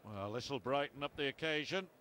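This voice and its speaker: A man's voice: medium pitch, normal speed, pushed and bright. A man giving darts commentary on television with conversational asides. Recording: clearly noisy broadcast with arena ambience.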